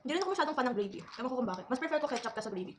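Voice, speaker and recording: A woman's voice: sits high, expressive, very fast, a little hiss or hum. A young woman from the Philippines chatting casually while eating on camera, with teasing asides between bites. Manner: talks between bites, chewing. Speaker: food vlogger. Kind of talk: casual mukbang chat.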